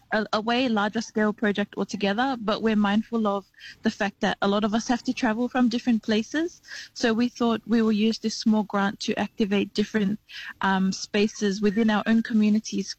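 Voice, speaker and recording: A woman's voice: mid-range voice, darkish tone, no room sound, highs cut off. Young aussie woman on a radio show, earnest, talks at length with ums, dry close sound. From New Zealand, raised in Western Sydney. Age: young adult. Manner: earnest, explaining at length with fillers. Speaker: community program manager, guest. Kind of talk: radio interview.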